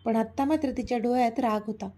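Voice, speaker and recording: A woman reading a serialized love story aloud at an even, steady pace. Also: a little high, quick pace. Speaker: story narrator. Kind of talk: scripted story narration.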